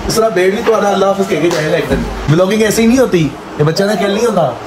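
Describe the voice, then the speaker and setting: Teasing lahori guy, phone vlog, loud crowd noise behind. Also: high voice, quick pace. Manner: joking, chatty, teasing. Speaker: vlogger. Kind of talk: casual vlog chat. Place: on the street and at a family home.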